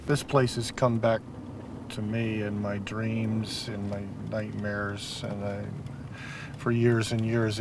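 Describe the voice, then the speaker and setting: A middle-aged man recalling memories on location outdoors, speaking slowly and in a subdued way. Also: on the low side, noisy background. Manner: slow, subdued recollection. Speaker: interviewee. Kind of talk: documentary testimony on location. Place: outdoors at a site.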